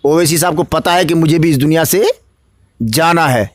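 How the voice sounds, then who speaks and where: Bihari man, candidate, high voice, preacherly answers building to declamation, dry close sound. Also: normal speed, dry recording. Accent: Bihari Hindi-Urdu. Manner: preacherly, rising to emphatic declamation. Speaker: election candidate. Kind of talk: political interview answers.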